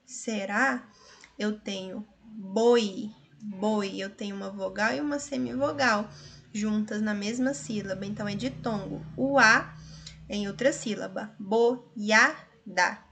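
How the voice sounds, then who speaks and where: A woman's voice: mid-range voice, slow pace, creaky, a bit bright. A woman teacher with a Brazilian Portuguese accent, working through grammar exercises and stretching out each word she analyzes. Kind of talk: grammar lesson solving exercises.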